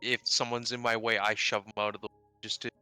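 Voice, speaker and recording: A man playing a tabletop game, narrating his character's actions in a measured, deliberate way. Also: fairly low pitch, little pitch movement, pushed and bright, clean tone, faint music behind. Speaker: player.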